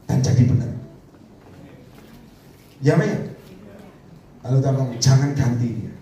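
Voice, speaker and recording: A man's voice: mid-range voice, unhurried, vocal fry. A man preaching a sermon to a congregation, calling out for responses. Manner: animated, calls out to the congregation for responses. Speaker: evangelist preacher. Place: church prayer meeting hall. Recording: echoey hall, distant mic, faint noise.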